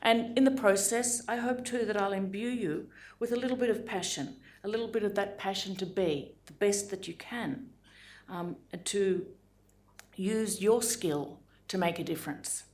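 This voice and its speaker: A woman, a judge giving a formal lecture in a measured, deliberate way with frequent pauses. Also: mid-range voice, darkish tone. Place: lecture room.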